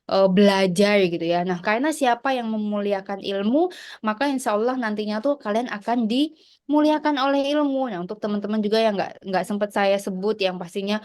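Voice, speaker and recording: A woman's voice: medium pitch, fairly quick, a little mellow. A woman lecturer giving an online class over a video call, encouraging her students and mixing in English phrases between fillers. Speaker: university lecturer.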